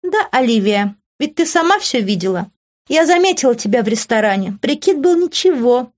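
A woman's voice: high-pitched, animated, normal speed, darkish tone, dull audio, voice pushed up. A woman voicing a spiteful, mocking young woman who taunts in a sneering tone. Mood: taunting.

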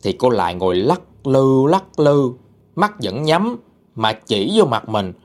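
A man's voice: mid-range voice, sing-song, unhurried. A man narrating a ghost story, chatty and dramatic, talking straight to his listeners.

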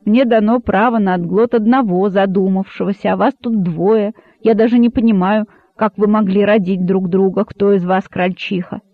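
A man's voice: high-pitched, fairly even intonation, normal speed, few pauses, no echo. A man reading an audiobook, voicing an irritable, sulky boa constrictor with a hissing manner. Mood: wheedling. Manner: peevish, hissing. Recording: dry, narrow phone-like sound.

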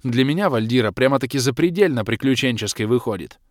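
A man's voice: medium pitch, expressive, fast, dry recording, close to an everyday voice. A man reading an audiobook, voicing a tired, sardonic young woman with a dry, sulky delivery. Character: weary sharp-tongued young woman, a baroness.

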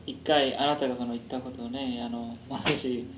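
A man conducting a conversational interview in a polite, hesitant way with halting phrasing. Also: mid-range voice, level tone. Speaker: interviewer, preacher. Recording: distant, echoey, noisy interview tape.

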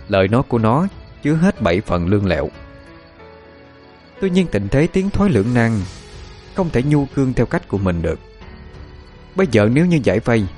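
A man's voice: mid-range voice, darkish tone. A man with a southern Vietnamese accent reading a scripted horror story as a dramatic narrator. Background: faint music.

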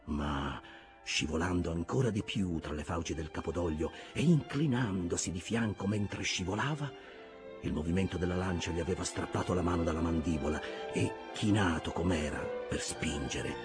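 A man narrating a novel as an expressive, measured dramatic reading. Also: sits low, over music. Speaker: audiobook narrator.

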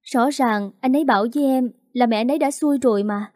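A woman's voice: fairly high pitch, a little fast, darkish tone, no echo, clean studio sound, close to an everyday voice. A woman doing a timid, pleading younger sister. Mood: anxious.

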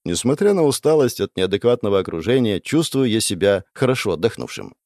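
A man narrating a story in the first person with lively delivery. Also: on the low side, fairly quick, no echo, clean studio sound. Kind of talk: audiobook narration.

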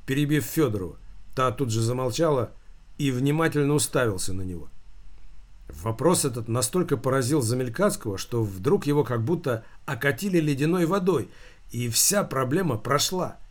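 Male audiobook narrator, mid-range voice, even storytelling read. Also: medium pitch. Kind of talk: scripted narration.

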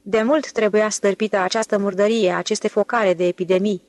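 A woman's voice: mid-range voice, steady tone, a little mellow, no echo, natural voice. A woman reading the part of an eager young male museum director who boasts about his town's progress in an audiobook. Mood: enthusiastic. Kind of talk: audiobook character voice.

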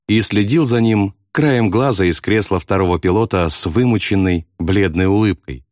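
A man's voice: fairly low pitch, no room sound, clean studio sound. A man reading a novel aloud as audiobook narration, telling it expressively. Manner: expressive storytelling.

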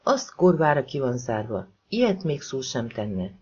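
A man's voice: mid-range voice, big pitch swings, highs cut off, close to an everyday voice. A man voicing a cornered, defiant male criminal who talks crudely and swears, in an audiobook reading.

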